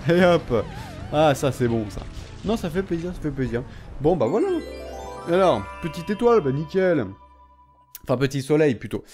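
A young man commentating a video game, excitable and slangy, taunting the enemies he fights. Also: fairly high pitch. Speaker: gamer. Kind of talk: let's play commentary.

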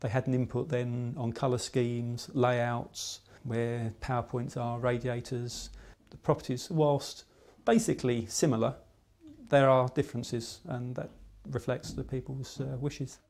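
A middle-aged English man talks through a project in a documentary interview. His delivery is measured and explanatory, recorded indoors in a quiet room. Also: mid-range voice, flat delivery. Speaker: project manager.

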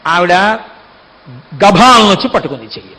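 A man giving a devotional discourse, telling a story with lively delivery and acting out the characters. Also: high-pitched, normal speed, poor audio. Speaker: spiritual discourse speaker.

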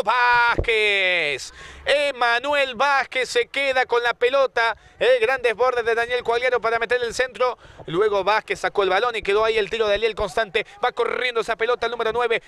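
A man's voice: high voice, pushed and bright, clean tone. A man calling a football match live, play by play.

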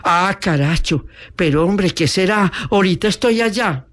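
Man doing an easygoing young gentleman. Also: sits high, lively intonation, normal speed. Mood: puzzled.

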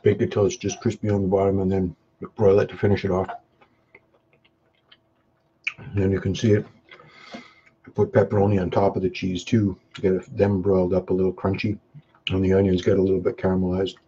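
A Canadian hot sauce vlogger chats casually on a live webcam stream while eating spicy pizza, humming and chewing between short remarks and sweating from the peppers. His voice is monotone, fairly quick and mellow. The webcam mic gives dull, low-fi audio with faint noise.

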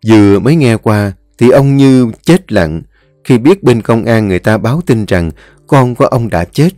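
A man narrating a scripted ghost story in a measured, somber way. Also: lowish voice, darkish tone, dry recording.

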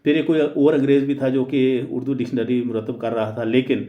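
A man teaching in a deliberate lecture, pausing often on "uh" and mixing English phrases into his speech. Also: medium pitch, flat delivery. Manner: deliberate, hesitant with frequent "uh" fillers. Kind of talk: explanatory lecture. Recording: roomy, dull lo-fi recording.

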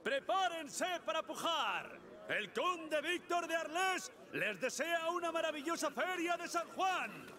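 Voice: very high voice, very animated, measured pace, bright, forceful tone, exaggerated voice. An actor playing a proud town crier in a medieval video game, making formal, declamatory fair announcements. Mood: proclaiming.

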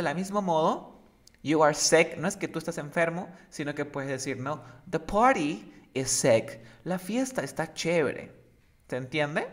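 A man teaching English slang in a casual lesson, often checking that the student follows. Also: a little high. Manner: lively, checks understanding often.

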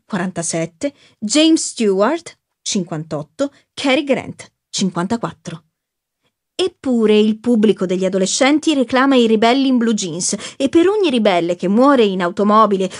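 A woman narrating an audiobook in a measured, ironic storytelling manner. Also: medium pitch. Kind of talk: audiobook reading.

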